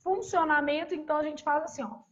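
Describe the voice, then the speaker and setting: A woman's voice: high-pitched, measured pace, dull audio. A woman teacher going through exam questions step by step, often checking in with short tag questions. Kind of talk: recorded exam review lesson.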